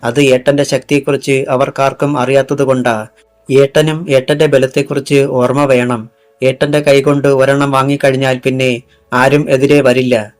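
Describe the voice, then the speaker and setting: A man's voice: medium pitch, close to an everyday voice. A man voicing a fierce young policewoman who swears revenge, speaking with intense resolve in an audiobook. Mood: reassuring. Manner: intense vowing speech.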